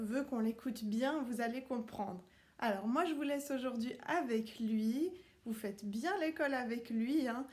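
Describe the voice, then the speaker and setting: Soft, slow-talking woman teacher. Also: a little high. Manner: soft, slow, addressing children. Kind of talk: gentle intro for schoolchildren. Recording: roomy echo.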